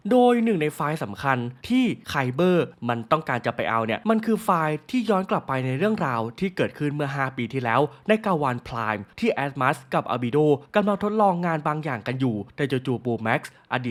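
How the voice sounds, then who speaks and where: A male narrator recapping a cartoon story in a relaxed, chatty way, full of slang. He talks quickly and his pitch rises and falls a lot. The tone is casual, like telling the story to friends.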